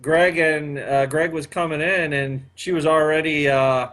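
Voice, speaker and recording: A man's voice: fairly high pitch, fairly even intonation, a little slow, fairly bright tone. A man in his fifties hosting a casual chat, rambling with many fillers. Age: 50s. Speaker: podcast host.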